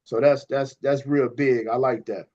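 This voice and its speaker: A man co-hosting a podcast, talking in an animated, preachy way to a guest and stumbling over repeated words. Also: mid-range voice, unhurried. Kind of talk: casual podcast conversation. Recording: slightly dull lo-fi audio.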